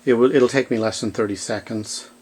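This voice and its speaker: A man who is a manual physical therapist speaks a little fast in a mid-range voice, recorded with poor audio. In a treatment room, he calmly talks through each step of a clinical demonstration and addresses his patient gently.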